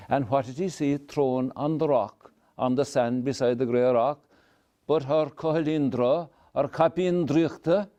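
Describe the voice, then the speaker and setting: An older man with a Kerry Irish accent tells a folk tale to live listeners in a lilting, wry manner with dramatic pauses. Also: medium pitch, dark tone. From County Kerry, Ireland. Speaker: traditional storyteller. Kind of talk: oral folk storytelling to a live audience.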